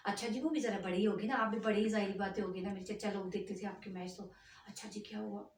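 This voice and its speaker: An older woman from Punjab, telling a long rambling story in a chatty, animated vlog. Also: medium pitch, fast, recorded from a distance. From Punjab, Pakistan. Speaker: vlogger. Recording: echoey room, voice from afar, faint ambience.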